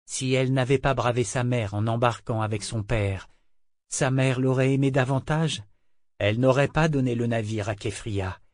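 Guy reading a fantasy novel aloud, steady and even, super dry close sound. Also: mid-range voice, normal speed, no echo. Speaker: audiobook narrator. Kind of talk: scripted narration of a novel.

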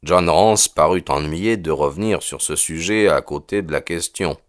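A man narrating an audiobook in a very low, deep voice. His delivery is measured and even, as he tells the story in scripted narration. The sound is close and dry, with no room echo.

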